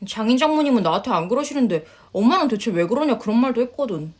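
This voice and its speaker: A blunt young husband played by a woman in a narrated story, talking matter-of-factly in a lowered voice. He sounds sure of himself and brushes worries aside. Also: animated, quick pace, darkish tone, husky. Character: young adult Korean husband, blunt and self-assured. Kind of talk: storytelling voice acting.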